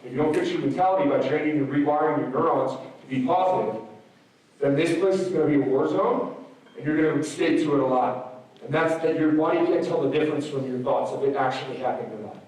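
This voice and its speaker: A slightly hoarse man giving an energetic motivational speech to a school assembly, swinging between loud peaks and soft asides. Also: a little high, quick pace, distant mic. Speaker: motivational speaker. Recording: very echoey hall, recorded from afar.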